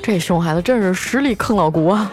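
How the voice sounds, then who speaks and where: A woman tells funny everyday stories as a show host, her pitch swinging widely as she talks. Her delivery is chatty and playful, and she stretches out the ends of her sentences. Soft background music plays faintly beneath her. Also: animated, fairly quick. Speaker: radio-style comedy host. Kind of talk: comic storytelling.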